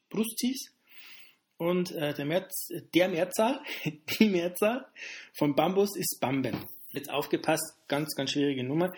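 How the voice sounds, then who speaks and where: Man joking through a mock lesson. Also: on the high side. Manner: playful deadpan joking with asides. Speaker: comedic host.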